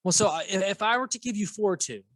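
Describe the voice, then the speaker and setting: A man's voice: sits high, expressive, fast, a bit bright, dry recording. A man teaching math alongside a colleague, playful and jokey, guiding with questions. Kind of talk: co-teaching a lesson, casual banter.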